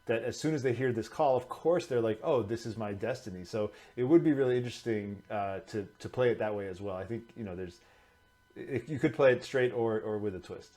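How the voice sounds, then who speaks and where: A man co-hosting a casual discussion about building a tabletop character, thinking aloud and pitching ideas. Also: brisk, darkish tone. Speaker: co-host.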